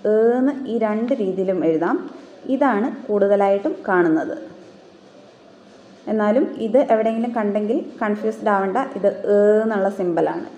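A woman teaching phonetics, sounding out words one sound at a time and dictating definitions slowly. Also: medium pitch, mellow, roomy sound, low-quality recording. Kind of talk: classroom explanation of phonetics.

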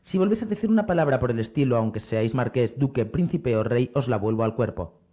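A man reading aloud, voicing a bold, quick-tempered musketeer lieutenant in an audiobook. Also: mid-range voice, expressive, dull audio, natural voice. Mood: defiant. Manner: defiant, boastful, sharp-tongued.

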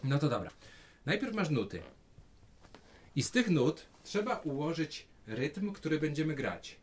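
A man's voice: fairly high pitch, sing-song, a little slow. A man teaching a child a rhythm in a music lesson, patient and encouraging, explaining each step.

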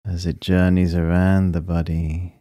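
Slow, deep-voiced man guiding meditation. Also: no room sound. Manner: calm, soothing, unhurried delivery with short phrases and long pauses. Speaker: meditation guide. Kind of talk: guided breathing meditation.

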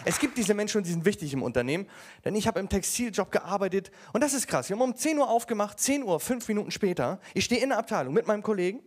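A man's voice: high-pitched, expressive, quick pace, breathy edge. A man doing a stand-up comedy set, telling stories in a brash, slangy way. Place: comedy stage. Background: audience laughter.

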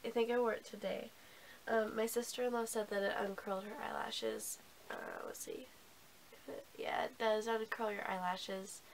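A woman who is sick and hoarse, chatting casually about beauty products with lots of ums and restarts. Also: medium pitch, lively intonation, normal speed, slight background noise. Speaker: beauty vlogger. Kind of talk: casual haul review.

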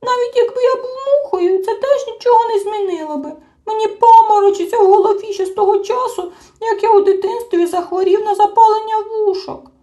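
Woman doing a shrill whiny little creature. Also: fairly even intonation, fairly quick, few pauses, reverberant. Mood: sobbing. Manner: sobbing, wailing complaints. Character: small timid whiny male creature. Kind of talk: audiobook character voice.

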